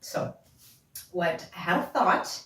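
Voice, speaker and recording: A woman's voice: on the low side, lively intonation, slow pace, a bit bright. A woman teaching a belly dance class, counting steps aloud as she dances. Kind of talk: dance tutorial instruction. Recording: roomy, from a distance, with music.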